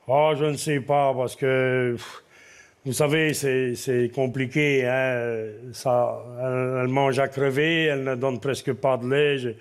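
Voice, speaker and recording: A man's voice: mid-range voice, flat delivery, measured pace, clear, resonant tone, pitched below the performer's own voice, close to an everyday voice. A man doing a mumbling old farmer. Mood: grumbling. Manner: hesitant, mumbling. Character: grumbling old male farmer.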